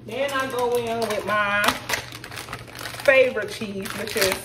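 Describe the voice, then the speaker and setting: A woman's voice: mid-range voice, takes it slowly. Woman, tipsy, chatty cooking walkthrough, home kitchen, distant camera mic, noticeable room noise. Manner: chatty, talks to viewers as "y'all". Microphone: camera set back at counter.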